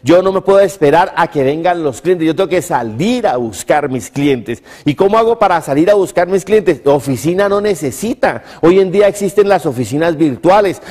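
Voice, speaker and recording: A Colombian man in his fifties, a motivational speaker and TV presenter, delivers an emphatic business lecture to camera in a high, slightly mellow voice, teaching through rhetorical questions and repeated phrases. He stands on an indoor, living-room style TV studio set, and the room sounds reverberant and echoey.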